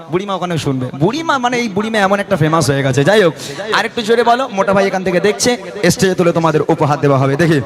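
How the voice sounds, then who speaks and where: Hoarse man teasing a crowd. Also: sits high. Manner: teasing, coaxing, urging the crowd to shout. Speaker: gojol singer addressing a crowd. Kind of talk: live crowd call-and-response. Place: outdoor religious gathering with stage. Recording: live with loud music behind.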